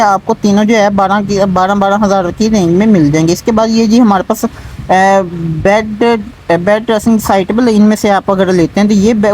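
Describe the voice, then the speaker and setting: A man hosting a showroom sales video, delivering a repetitive pitch that keeps stressing low prices. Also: darkish tone, slight background noise, rough recording. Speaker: YouTube channel host.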